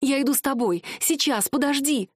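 A woman's voice: high-pitched, moderate pace, no echo, clean studio sound, pitched above the performer's own voice, natural voice. A woman voicing a desperate, defiant young wife in an audiobook, pleading and heated.

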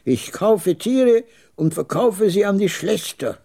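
A man voicing a proud, scornful old male camel dealer with a jagged, raspy voice in a radio story. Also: sits high, big pitch swings, measured pace, dark tone, pitched above the performer's own voice, exaggerated voice. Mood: boastful. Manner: haughty, curt, mocking.

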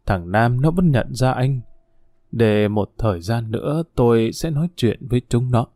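A man's voice: medium pitch, expressive, moderate pace, darkish tone, dry recording, clean studio sound, close to an everyday voice. A man voicing a weary old grandmother. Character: weary old grandmother, stern yet tender. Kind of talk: audiobook character voice.

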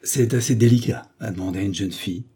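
A man reading the part of a young defense lawyer in an audiobook, questioning his client. The voice is low and mellow with a husky edge. He coaxes and presses with calm patience. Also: fast. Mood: probing. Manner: coaxing, questioning. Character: young male lawyer, probing, patient, gently persuasive.

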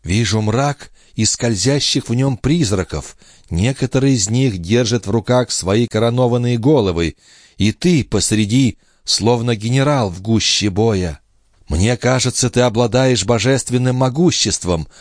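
A man voicing Lorenza, a passionate, sorrowful young clairvoyant wife, in a high, imploring, tearful tone in an audiobook reading. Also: unhurried, no room sound, clean studio sound, close to an everyday voice. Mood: visionary.

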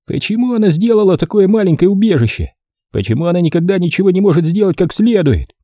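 A man's voice: high-pitched, expressive, quick pace, mellow, dry recording, studio quality, voice pushed up. A man voicing a contemptuous young brother who sneers at his sister, in an audiobook. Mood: scornful. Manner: contemptuous, snorting.

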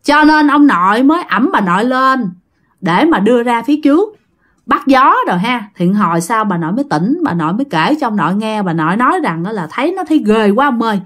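Lady telling a ghost story, fairly high voice, very lively up and down. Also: fairly quick. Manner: chatty, addresses listeners directly, laughs.

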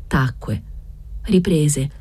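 A woman reading a literary novel aloud in a measured way, raising her pitch for the village women's voices. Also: warm tone, husky, no room sound. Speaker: reader.

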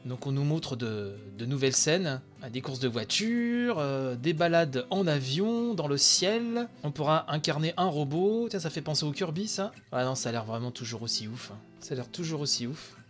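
A man with a slightly high voice gives chatty live reaction commentary for his games channel, worn out from the late hour. He breaks into excited outbursts and fills gaps with hesitations. Faint music plays behind him. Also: moderate pace, hardly any pauses. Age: adult with young son. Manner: excitable, chatty, many fillers. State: very tired, late at night. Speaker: video game channel host.

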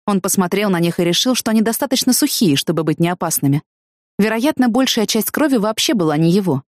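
A woman narrating a first-person audiobook with expressive storytelling. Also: mid-range voice, fast talker, dry recording, studio quality.

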